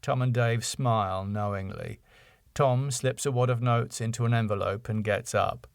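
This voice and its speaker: A gravelly, mid-range male voice belongs to a middle-aged British podcast host reading his own screenplay writing and speaking casually to his audience. He keeps a moderate pace, and the recording is dry and studio quality.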